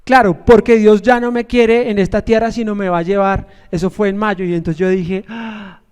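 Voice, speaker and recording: High-voiced man preaching a casual sermon. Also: little pitch movement, normal speed, a little mellow, clear, resonant tone. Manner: conversational storytelling with humor and questions to the congregation. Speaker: pastor.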